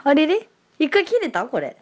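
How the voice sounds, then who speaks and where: A woman hosting a casual livestream and chatting to her viewers over a phone mic, playful and giggly, slipping into dialect and rough slang. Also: high-pitched, wildly swooping pitch, moderate pace, no echo. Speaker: livestream host. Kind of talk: casual livestream chat reading viewer comments.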